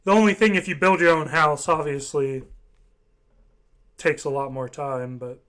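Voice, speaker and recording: Young man, slightly raised pitch, casual rambling chat, hesitant delivery. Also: steady tone, a little slow, fairly bright tone. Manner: rambling, hesitant, many fillers. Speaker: voice chat participant.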